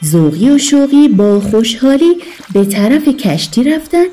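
A woman narrating a children's story in an expressive, lively storytelling way. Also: a little high.

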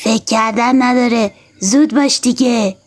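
A woman's voice: fairly high pitch, slight background noise, natural voice. A woman doing a bossy little squirrel. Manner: pushy, impatient. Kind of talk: children's audio story.

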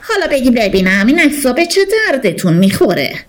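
A woman's voice: on the high side, sing-song, pitched above the performer's own voice. A woman voicing a vain, bossy male octopus who guards a sunken ship, talking in a pompous, boastful, stern way.

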